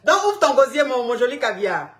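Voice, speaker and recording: A woman hosts a live call-in advice show in a high, bright and forceful voice. She talks in a lively, exclamatory way and keeps scolding callers to speak up. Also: brisk. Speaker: radio call-in advice host.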